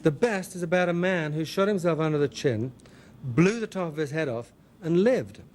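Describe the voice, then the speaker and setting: A man's voice: a little high, animated, moderate pace, darkish tone. A man reading aloud from his own memoir in a wry, dry manner. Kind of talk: memoir narration.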